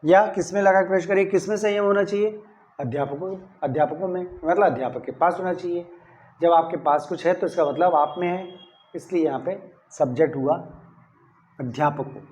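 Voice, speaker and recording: High-voiced male grammar teacher. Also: normal speed, a little mellow. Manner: explains step by step, often asks "clear?"; stresses key words when saying model sentences. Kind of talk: classroom-style grammar lesson.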